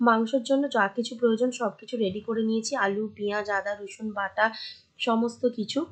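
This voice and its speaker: A young woman narrates her day in a chatty vlog voice-over, speaking straight to her viewers. Her voice is hoarse and sits a little high. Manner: chatty, addresses viewers directly. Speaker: vlogger.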